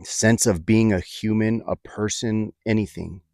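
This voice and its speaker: A man telling a personal story in a reflective, halting way, with many fillers and restarts. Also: lowish voice, fairly even intonation, creaky, a little mellow, dry recording, clean studio sound.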